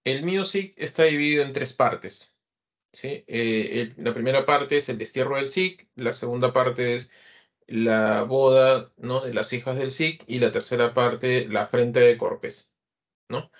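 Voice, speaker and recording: A man's voice: mid-range voice, unhurried. A man teaching a literature class online, explaining verse and rhyme in a patient lecturing style, with many fillers and tag questions. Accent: Peruvian Spanish.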